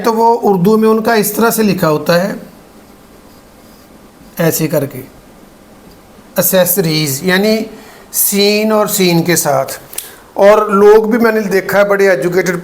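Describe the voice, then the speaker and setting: A man from Pakistan with a Pakistani Urdu accent, teaching English pronunciation and slowly repeating each word for practice. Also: sits high, steady tone. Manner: slow, deliberate, repeats words for drill; explains patiently, checks in with "ठीक है". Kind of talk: pronunciation lesson.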